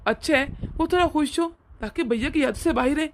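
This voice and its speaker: A woman's voice: high voice, brisk, slight background noise. A woman voicing an earnest young husband who patiently reasons and sounds exasperated in a cartoon story. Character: earnest young husband, loyal to his family.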